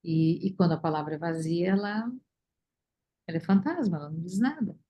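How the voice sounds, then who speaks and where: A woman leading a study group, talking reflectively with many pauses and fillers over a video call. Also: on the low side, animated, dull audio. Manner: thoughtful, many fillers and restarts.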